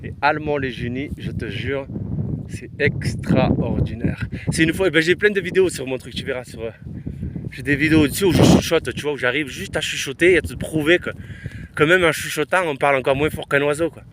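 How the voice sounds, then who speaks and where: A man's voice: fairly high pitch, a little fast. Chatty man in heavy wind. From Aveyron, France. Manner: chatty, loose, slangy, talks straight to the viewer. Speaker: vlogger. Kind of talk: casual chat to camera while hiking. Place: outdoors on a windy rural hillside. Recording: loud wind noise on the mic outdoors.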